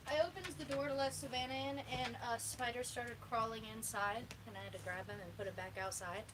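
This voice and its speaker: A woman's voice: fairly high pitch, fairly even intonation, fairly quick, over music. A woman casually relaying and reading out questions, sounding away from the microphone in a noisy recording. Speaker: helper relaying viewers' questions. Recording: clear background noise, off-mic.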